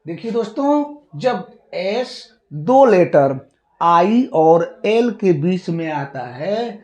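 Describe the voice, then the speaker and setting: A woman's voice: fairly low pitch, lively intonation, extremely slow, a little mellow. A woman teaching English pronunciation rules who repeats each rule and poses questions she then answers herself. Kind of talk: classroom-style pronunciation lesson. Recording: echoey room.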